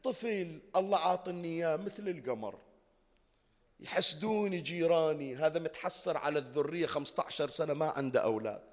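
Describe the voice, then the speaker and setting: A man with a Bahraini accent preaching a colloquial sermon at a mourning gathering, often putting rhetorical questions to his listeners. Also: fairly high pitch. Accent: Bahraini Arabic. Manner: asks the audience rhetorical questions. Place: mourning hall. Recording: long hall reverb.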